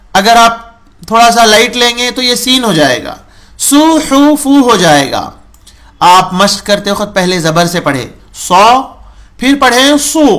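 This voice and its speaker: High-voiced man teaching Quran pronunciation. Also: bright, forceful tone. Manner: slow drawn-out syllables, repeats sounds to model pronunciation; patient, instructive. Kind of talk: recorded recitation lesson. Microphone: recording for remote students.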